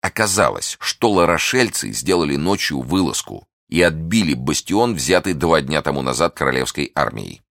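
A man reading a classic adventure novel aloud as an audiobook narrator, in a measured storytelling way. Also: extremely low pitch, very animated, vocal fry, fairly bright tone, no room sound, clean studio sound.

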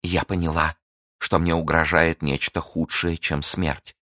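A man's voice: very deep voice, flat delivery, measured pace, pushed and bright, no room sound, full character voice. Scheming young noblewoman, pleading and grand, read by a man in audiobook style, dry booth. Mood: anguished. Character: scheming noble young woman, proud and wounded. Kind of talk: audiobook reading.

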